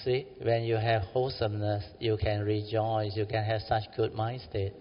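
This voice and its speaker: At a meditation center, a Buddhist teacher with a Malaysian English accent gives a colloquial, exhorting dharma talk, frequently tacking "huh?" onto the ends of his sentences. His voice is on the low side, level in tone, and moderately paced. The recording carries big-room sound, is muffled, and has a little hiss or hum.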